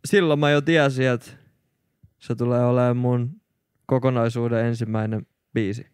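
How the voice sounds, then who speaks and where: A man speaking in a steady middle pitch, describing his music earnestly and thoughtfully. He talks close into the mic in a very dry studio. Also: smooth, dry recording. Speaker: musician, podcast co-host. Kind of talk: casual chat.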